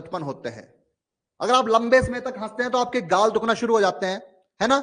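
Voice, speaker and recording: A high-voiced man runs a lively online exam-prep lecture, explaining ideas with everyday examples and repeatedly asking "ठीक है?" He acts out small inner dialogues in a lowered voice.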